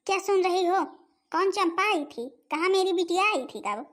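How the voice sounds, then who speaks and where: A woman voicing a stingy, sharp-tongued old grandmother and mother-in-law in a home-made cartoon. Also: very high voice, lively intonation, normal speed. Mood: scolding.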